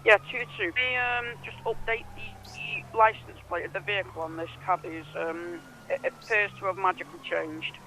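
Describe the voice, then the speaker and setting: High, bright man on police radio. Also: a little fast, few pauses, slight background noise, rough recording. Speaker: police patrol officer in a role-play game. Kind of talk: radio dispatch role-play chat.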